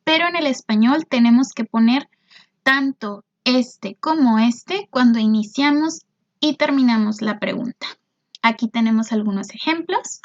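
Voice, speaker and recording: A woman teacher with a high voice walks through a video lesson in a patient, explanatory way. She keeps checking in with her students and fills her pauses with little hesitations. The recording sounds dull and lo-fi. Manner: frequent "este" fillers.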